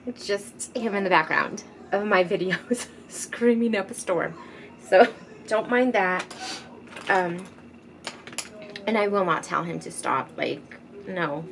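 A middle-aged woman chatting casually at home while doing her makeup, rambling and often sinking to a soft murmur. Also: mid-range voice, slow pace, creaky, long pauses, low-quality recording. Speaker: beauty vlogger. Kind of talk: casual makeup tutorial chat. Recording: noticeable background noise. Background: teenager gaming loudly in the background.

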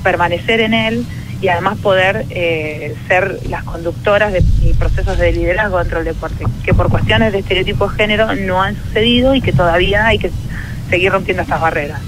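This lowish, fairly quick female voice, heard over background noise, comes from an Argentine sociologist and field hockey player in a radio interview. Speaking Argentine Spanish, she answers earnestly and thoughtfully, restarting often and filling gaps with fillers.

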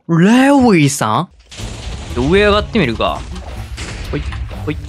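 Excitable Kansai man, lively pitch. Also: slow pace, soft background music. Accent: Kansai Japanese. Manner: excitable, talks to himself, lots of sudden exclamations. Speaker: gaming channel host. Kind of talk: let's-play commentary.

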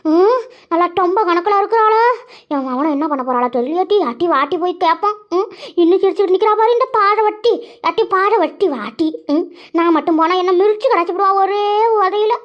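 A woman voicing quarrelling village women in a cartoon comedy, wailing and scolding loudly. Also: very high-pitched, a little fast. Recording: dull lo-fi sound.

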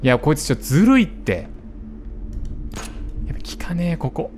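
A young adult man streaming a horror game, reacting loudly and roughly with excitable outbursts. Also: on the high side, brisk, crowd noise. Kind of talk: live gameplay commentary.

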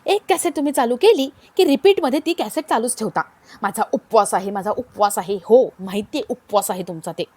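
A sharp-tongued young woman fires off reproachful questions and cuts people short, with a woman reading her part. The voice sits a touch high and sounds indignant. It is told as a storybook tale. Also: expressive, brisk, few pauses. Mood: scolding. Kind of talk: storybook narration with voiced roles.

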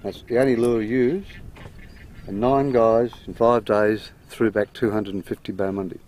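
A man's voice: lowish voice, steady tone, normal speed, a little mellow, a little hiss or hum. An older Australian man guiding visitors and explaining things casually on location. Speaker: fishing and tour guide. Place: outdoors on a boat and among sandstone caves.

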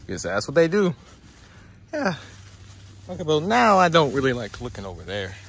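A man with a bright, fairly high voice chats casually outdoors near the woods, his voice still rough from the morning. He banters and grumbles, and his pitch jumps around a lot. Faint outdoor noise sits behind him. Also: huge pitch swings, moderate pace. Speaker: vlogger. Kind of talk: casual outdoor vlog chat.

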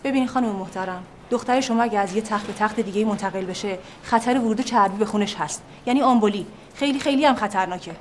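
A woman's voice: mid-range voice, few pauses, a little hiss or hum, close to an everyday voice. An actress playing a female hospital doctor who speaks firmly and formally. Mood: stern. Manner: firm, formal, authoritative.

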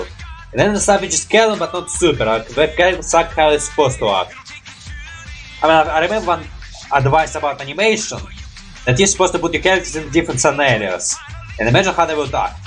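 A fast-talking young man with a slightly high, bright voice and lively intonation hosts a reaction video. Seated in a small home room with soft music in the background, he reacts casually to animations in rambling, hesitant non-native English, mildly swearing by habit.

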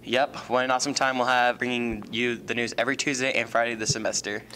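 A man's voice: mid-range voice, little pitch movement, fast talker, pushed and bright, a little hiss or hum, low-quality recording. A teenage man co-anchoring a school news show from a script, on a handheld mic indoors. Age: teens. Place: indoors by a brick wall. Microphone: handheld microphone.

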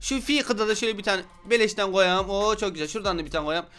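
A young man giving loud, joking commentary on an online game he plays, swearing at his opponents. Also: high-pitched, fast, smooth. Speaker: gaming YouTuber. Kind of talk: excited gameplay commentary.

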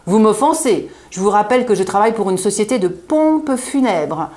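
Lady putting on a jolly chubby undertaker guy, loud salesman chatter, higher than her usual. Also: lively intonation, moderate pace. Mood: enthusiastic. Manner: cheery, booming salesman patter.

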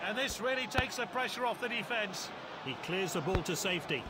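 A man playing an excitable football commentator calling a match in a video game. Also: sits high, brisk. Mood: measured commentary. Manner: excitable, exclamatory calls. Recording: loud stadium noise behind.

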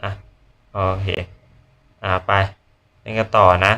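A man chatting casually while live-streaming a game, politely greeting viewers and blurting quick repeated exclamations as he plays. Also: fairly low pitch, little pitch movement, bright, forceful tone, lo-fi sound. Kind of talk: casual live gameplay chat.

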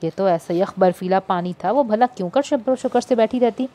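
Woman reading a novel aloud, mellow. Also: fairly quick. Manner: shifts into higher, livelier voices for characters' dialogue. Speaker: audiobook narrator.

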